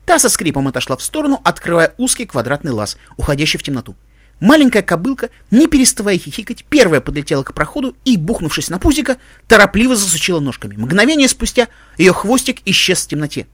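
A man narrating a fan fiction story with expressive, dramatic storytelling. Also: high-pitched, fast talker, no room sound, clean studio sound. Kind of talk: audiobook fan fiction reading.

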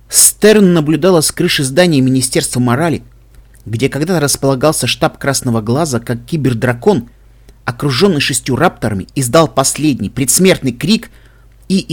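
A man narrating an audiobook in an even, measured reading voice. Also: medium pitch. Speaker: audiobook reader. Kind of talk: scripted narration.

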